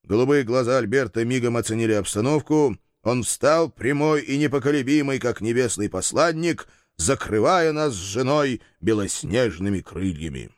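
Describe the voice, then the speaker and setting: A man's voice: mid-range voice, animated, moderate pace, hardly any pauses, no room sound. A man narrating a first-person audiobook in a wry, dry storytelling manner.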